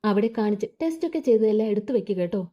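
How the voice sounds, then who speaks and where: A woman's voice: medium pitch, expressive, racing, warm tone, natural voice. Caring older woman read by a woman, anxious and tender, muffled sound. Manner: fussing, tender.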